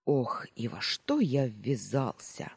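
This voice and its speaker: A blunt, hulking baker who loves to bargain and tease, heard in an audiobook. The voice swings up and down with energy and sounds husky and dry, with the narrator acting him out. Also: medium pitch, sing-song, moderate pace, mellow, no echo, voice pushed up. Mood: gruff. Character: big gruff male baker, teasing and blunt. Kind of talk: audiobook character voice.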